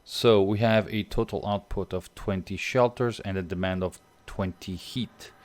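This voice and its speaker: In a low, steady voice at normal speed, a young Portuguese man with a Portuguese accent comments live on his strategy gameplay and chats with his stream's viewers.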